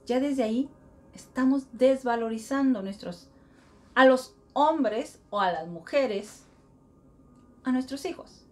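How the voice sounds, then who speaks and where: A middle-aged woman speaks in an earnest, repetitive way, a spiritual talk full of chanted mantras. Her voice sits a little high for a woman. She slips into small voiced-out inner thoughts as she goes. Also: takes it slowly, pauses often. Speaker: spiritual self-help speaker.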